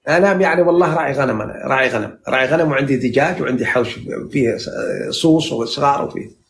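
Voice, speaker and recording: A man in his sixties from central Saudi Arabia with a Najdi accent, interpreting dreams in a rambling, flattering live chat full of fillers and restarts. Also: mid-range voice, very fast, a little hiss or hum. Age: 60s. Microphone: phone on a live stream.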